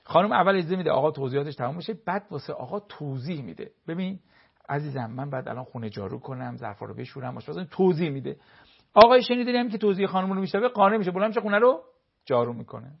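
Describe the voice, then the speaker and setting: Husky man counseling with lively examples. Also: high voice, highs cut off. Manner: lively, acts out spouses' remarks in quotes. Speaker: family counselor. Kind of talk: explanatory talk with everyday examples.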